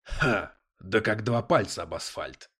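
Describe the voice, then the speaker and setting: A man voicing a brash male police detective who talks in crude slang, loud and sarcastic. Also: on the low side, lively intonation, measured pace, husky, exaggerated voice. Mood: cocky.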